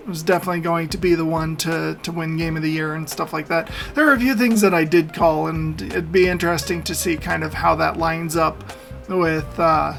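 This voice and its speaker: Man, gravelly, opinionated, rambling meme commentary, laughs a lot, faint music behind. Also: a little high, fairly bright tone. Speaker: meme reaction channel host. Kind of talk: casual commentary.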